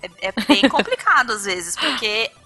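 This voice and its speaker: A woman's voice: a little high, normal speed, over music. A Brazilian woman with a Brazilian Portuguese accent, chatting as a podcast guest and acting out the people in her stories. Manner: animated storyteller who acts out quoted dialogue. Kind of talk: casual podcast chat.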